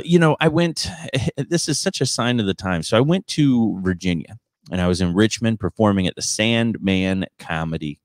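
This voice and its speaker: A man's voice: sits low, no echo, studio quality. A man hosting a podcast in casual chat, telling stories in a rambling, teasing way. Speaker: podcast host and stand-up comedian.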